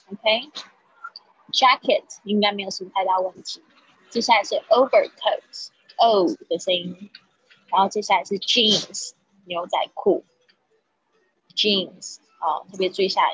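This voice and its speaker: A woman's voice: mid-range voice, fairly bright tone, husky, rough recording. A woman teaching an online English vocabulary class, reading each word twice and explaining the sounds patiently.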